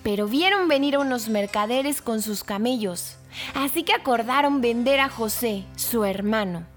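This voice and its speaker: A woman hosts a weekly children's story program and narrates with lively, emphatic expression. Her voice is high and bright. Light music plays under her narration. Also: moderate pace. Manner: animated, expressive, emphatic repetition.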